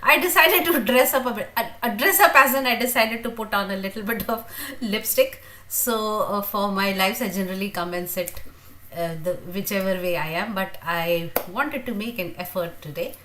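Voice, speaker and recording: A woman, hosting a casual livestream Q&A, chatty and grateful, pausing often with fillers. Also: mid-range voice, pushed and bright, low-quality recording. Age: 50s. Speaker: teacher and livestream host.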